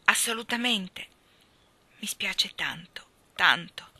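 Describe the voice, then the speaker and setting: A woman's voice: mid-range voice, animated, takes it slowly, bright, forceful tone, no echo, full character voice. A woman voicing a dreamy, imaginative young woman in an audiobook reading, earnest and wistful.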